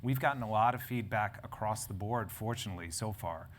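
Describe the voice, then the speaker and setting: A low-voiced man, editor of a health publication, moderates a live conference panel in front of an audience. He speaks a little fast and rambles, correcting himself and using lots of fillers, with a little hiss or hum on the recording.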